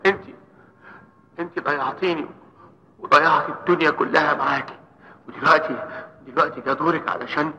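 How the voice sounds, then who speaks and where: An actor playing a deranged, tormented man in an Egyptian film melodrama, speaking Egyptian Arabic haltingly and obsessively repeating his words. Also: on the high side, bright, forceful tone. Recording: echoey hall with long reverb.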